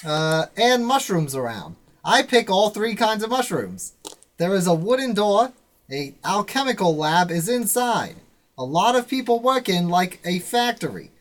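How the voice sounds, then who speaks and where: A player casually reading a recap of the last tabletop session, in a brisk list-like way with joking asides. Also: mid-range voice, very animated.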